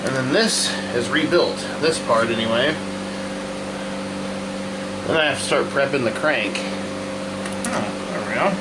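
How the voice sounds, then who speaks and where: A man's voice: medium pitch, a little slow, pauses often. A man giving casual, folksy how-to commentary, talking himself through each step as he works in a shop. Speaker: host of a hands-on repair video. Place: hot workshop with a fan running. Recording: constant fan and hum noise behind voice. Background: running fan, steady hum.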